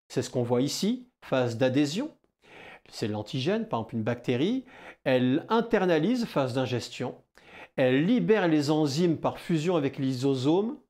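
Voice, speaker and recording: A man with a southwestern French accent teaching biology in a lively video lesson, talking straight to the viewer and answering his own questions. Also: on the high side. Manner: animated, addresses the viewer as "kid", rhetorical questions.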